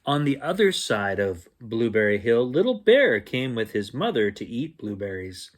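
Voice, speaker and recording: A husky-voiced man reads a children's picture book at bedtime, his pitch swinging widely for expressive, playful narration. At a moderate pace, he acts out sounds and dialogue and tosses in playful asides.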